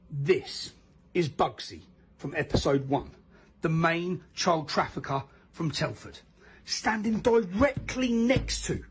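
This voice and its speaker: A man's voice: sits high, breathy edge. A man giving emphatic, accusing commentary over photos.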